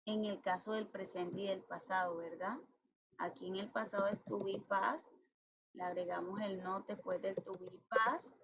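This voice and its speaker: Woman teacher explaining grammar slowly. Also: medium pitch, fairly even intonation. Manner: patient, step-by-step explaining, reads English examples slowly. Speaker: English teacher. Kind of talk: classroom lesson explaining grammar. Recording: dull lo-fi sound with faint noise.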